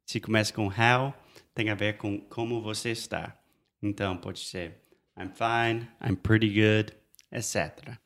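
A native English-speaking man teaches everyday phrases in a relaxed, patient way, and his voice sits fairly low. He models each line and praises with repeated "perfect". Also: measured pace. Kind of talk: bilingual lesson chat.

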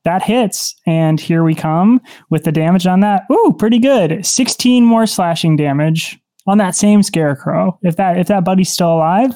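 A man's voice: high-pitched, normal speed, hardly any pauses, warm tone, dry recording, studio quality. A man chatting casually and playfully as a player in a tabletop game, tossing in little sound-effect words.

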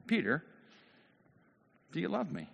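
Man doing a gentle, calm teacher. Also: fairly high pitch, unhurried, creaky, husky, voice pushed up, full character voice. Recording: long hall reverb.

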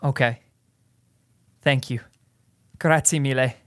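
A man's voice: medium pitch, fairly even intonation, takes it slowly, a bit bright. A young man in a student radio drama playing a shy, anxious teenage boy who stammers and pleads. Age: young adult. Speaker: nephew.

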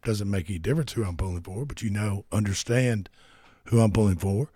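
A man's voice: on the low side, fairly quick, dark tone, slightly rough, dry recording, clean studio sound. A man hosting a sports radio show, chatting casually and rambling with repeats.

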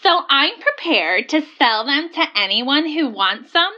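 Lady doing a haughty mystic psychic over the phone, high bright swoopy voice, dull line. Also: expressive, measured pace. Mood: mystical. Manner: lofty, theatrical, airy laughs. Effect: heard over the phone. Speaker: caller.

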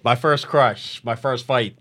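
A man's voice: mid-range voice, takes it slowly, a bit bright. A man from Guyana, a boxing coach, telling stories in a laid-back way with emphatic repeats in a studio interview. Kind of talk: casual interview storytelling. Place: podcast studio.

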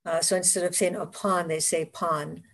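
A woman's voice: fairly low pitch, level tone, normal speed, gravelly. A woman from the Caribbean with a West Indian accent, the guest author on a video call, telling stories from her childhood with frequent laughs. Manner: warm storytelling, laughs often. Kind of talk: casual interview conversation.

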